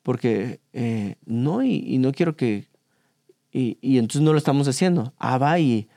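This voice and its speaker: A man co-hosts a casual faith-based parenting show, handing out advice with playful asides. His pitch moves a lot, keeping his delivery lively, and he sounds close and dry. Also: unhurried, dry recording. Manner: animated, advice-giving, playful. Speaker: podcast co-host.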